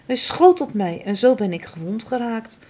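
A woman voicing a young male deer in a storybook, telling quietly how he was hurt. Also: a little high, sing-song, moderate pace. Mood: subdued.

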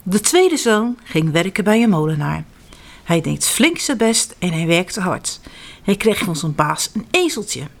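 A woman telling children's stories aloud in an animated, expressive way. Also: lowish voice, measured pace. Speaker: storyteller.

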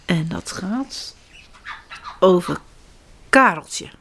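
A woman reading picture-book stories aloud to children, addressing them directly in an animated way. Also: on the low side, extremely slow, gravelly, slight background noise. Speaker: children's storyteller.

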